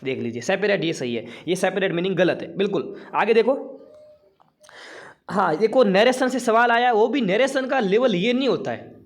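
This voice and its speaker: A man's voice: high voice, expressive, normal speed. A man teaching an online exam-prep class in casual Hindi with a Rajasthani accent, chatty and repeating himself, often checking in with "ठीक है".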